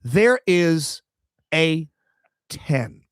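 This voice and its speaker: Male podcast host, animated comic storyteller with crude humor, slightly high voice, dry close mic. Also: very slow, clean tone, dry recording. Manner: animated, crude jokes, acts out quotes. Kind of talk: casual comedic storytelling.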